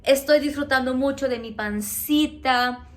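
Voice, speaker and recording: A woman with a Mexican accent, casually telling viewers a personal story in a chatty, animated way, often checking in with them. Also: sits high, a little slow. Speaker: vlogger.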